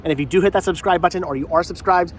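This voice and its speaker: A middle-aged man with a high-pitched voice talks rapid-fire, with a little hiss or hum in the audio. Congested from a head cold, he hosts a vlog and chats casually to viewers, rambling and repeating phrases.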